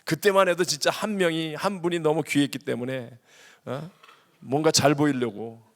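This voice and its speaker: A middle-aged man preaching a sermon as senior pastor, lively and acting out prayers, with swings between loud and hushed. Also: fairly high pitch, moderate pace. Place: large church sanctuary. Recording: long hall reverb.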